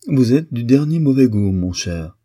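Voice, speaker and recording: A man's voice: mid-range voice, animated, moderate pace, warm tone, breathy edge, voice pushed up. A man voicing a haughty, teasing young Russian princess with an ironic, mocking manner in an audiobook reading. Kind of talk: audiobook character voice.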